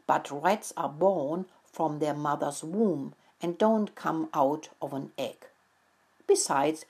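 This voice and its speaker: A woman's voice: low-pitched, a little mellow, husky, heavily acted. A woman voicing a knowing young male mouse in a storybook reading, explaining matter-of-factly.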